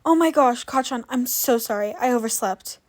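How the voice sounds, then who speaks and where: A woman's voice: fairly high pitch, moderate pace, natural voice. Woman voicing a shy teen boy, eager, apologetic, flustered, storybook reading, plain voice. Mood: cheerful. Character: shy cheerful teenage boy student.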